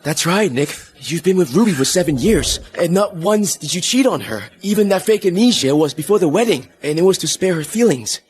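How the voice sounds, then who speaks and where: A reassuring loyal friend. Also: male voice, high-pitched, expressive, brisk, hardly any pauses, a little mellow. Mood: reasoning. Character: loyal male friend, reasoning and calming. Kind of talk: dubbed drama acting.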